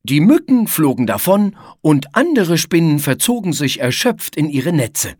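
A woman narrating a children's story aloud in a lively storytelling manner. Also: deep voice, unhurried, slightly rough, no room sound, studio quality.

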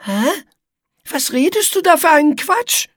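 Storybook: a touchy, show-off spider girl, voiced by a woman, very high and sing-song. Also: very animated, unhurried, no room sound, studio quality. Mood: offended. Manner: prissy and easily offended. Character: prim, conceited young female spider cheerleader.

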